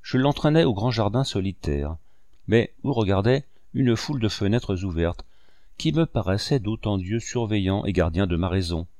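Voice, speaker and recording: Low-voiced male audiobook narrator. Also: animated, moderate pace, a little mellow, no room sound, studio quality.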